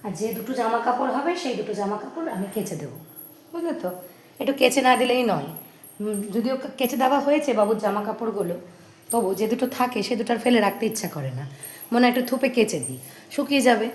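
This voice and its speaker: A woman with a hoarse voice talks through her day in a casual home vlog, breaking off now and then to talk to her baby. Her voice sounds echoey, with a faint hiss in the background. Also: fairly high pitch, expressive, fast talker, darkish tone. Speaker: vlogger.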